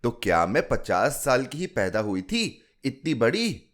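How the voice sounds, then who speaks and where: A man voicing a fond fifty-year-old woman who coaxes a child with a story in a gentle, lilting way. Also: medium pitch, big pitch swings, a little slow. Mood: coaxing. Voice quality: coaxing, storytelling lilt.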